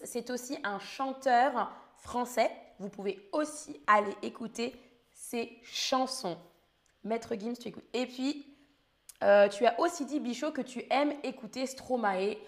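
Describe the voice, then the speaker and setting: A woman hosting a live-streamed language lesson, her voice a touch hoarse. She speaks in a somewhat high register at an unhurried, deliberate pace. She spells words out letter by letter for her learners. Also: fairly bright tone. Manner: slow, carefully articulated, spells words letter by letter. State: slightly hoarse voice. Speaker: French teacher for learners.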